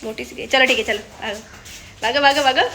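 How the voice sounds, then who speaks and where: High pitched woman teasing her sister for a vlog, bossy playful tone, background noise. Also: a little fast, pushed and bright. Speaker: vlogger pranking her sister. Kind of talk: casual prank vlog. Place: home, indoors. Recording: noisy home recording.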